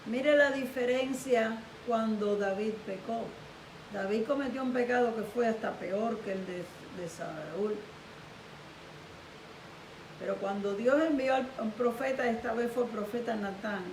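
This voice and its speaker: A woman pastor preaching a sermon with animated storytelling. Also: a little high, measured pace. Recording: echoey room, distant mic, faint hiss.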